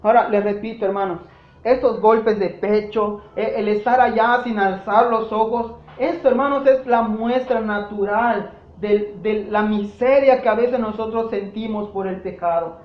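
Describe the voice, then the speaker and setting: A man's voice: high voice, fairly even intonation, a little slow. A man with a Mexican accent, a pastor giving an impassioned sermon and often addressing the congregation as brothers. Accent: Mexican Spanish. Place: church sanctuary. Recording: echoey church, dull lo-fi sound.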